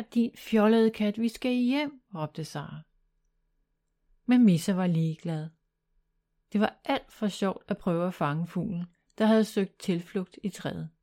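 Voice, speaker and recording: A woman reading a children's bedtime story aloud in a calm, even storytelling manner. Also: fairly low pitch.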